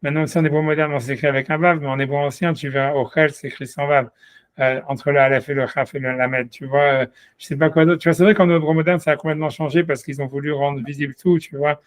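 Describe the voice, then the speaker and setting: A man with a somewhat high voice explains a text to a single student. He leans on "tu vois", repeats himself and restarts as he searches for the words. The sound is dry and close, with no room echo. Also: fairly even intonation, quick pace. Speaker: Talmud teacher. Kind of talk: one-on-one study session.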